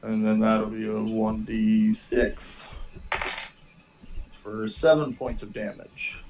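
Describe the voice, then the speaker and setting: A man's voice: lowish voice, little pitch movement, slow pace, a little mellow, muffled recording, slight background noise. Casual man playing a tabletop game.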